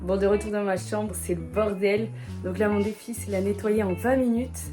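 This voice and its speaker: A woman's voice: mid-range voice, fairly even intonation, moderate pace, over music. Chatty self-mocking young woman vlogger. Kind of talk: casual vlog chat.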